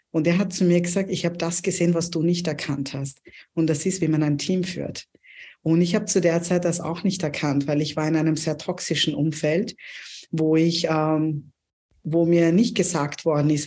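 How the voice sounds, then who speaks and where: A woman in her thirties, originally from Pakistan, tells her career story as a podcast guest. Her voice is fairly low and mellow, and she speaks earnestly and reflectively, hesitating often.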